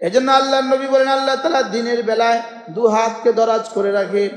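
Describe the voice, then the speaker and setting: A man's voice: very high voice, flat delivery, brisk. A man preaching an Islamic sermon, repeating phrases in a rhythmic way, reciting Arabic verses and asking the listeners questions. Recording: echoey hall sound.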